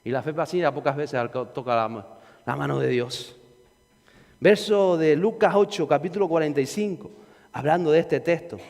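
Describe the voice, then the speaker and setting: A man, preaching a fervent sermon as pastor, repeating his phrases and rising to shouts. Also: on the high side, expressive, moderate pace, gravelly, long reverb tail.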